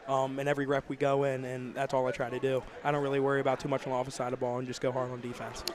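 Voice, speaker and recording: Young male player, post-game interview, even monotone, easygoing and plain-spoken. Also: medium pitch, racing, a crowd in the background. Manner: laid-back, plain, steady answers. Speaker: senior high school basketball player.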